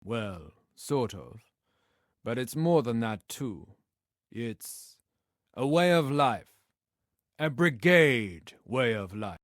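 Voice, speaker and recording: Solemn game character, super slow drawn out talking, mid voice, no echo. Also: male voice, mid-range voice, big pitch swings, studio quality. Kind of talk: video game character acting.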